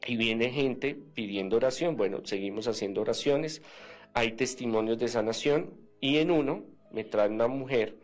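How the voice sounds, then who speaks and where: Brief: male radio guest of medium pitch, animated storyteller who acts out quotes and fills pauses with "eh". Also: faint music behind. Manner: animated, acts out quoted dialogue, many hesitant fillers. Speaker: interview guest, former seminarian.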